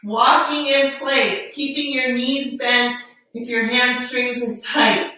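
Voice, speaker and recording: A woman teaching a live yoga class, calmly guiding breaths and poses with encouragement, a little out of breath. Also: on the high side, slow pace. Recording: roomy echo, distant mic.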